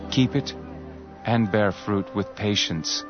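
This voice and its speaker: Measured authoritative teacher, kinda low, dull lo-fi sound. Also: male voice. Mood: solemn teaching. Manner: measured, solemn speech. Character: calm, authoritative male teacher and healer. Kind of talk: radio drama scripture reading. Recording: dull lo-fi audio with music behind.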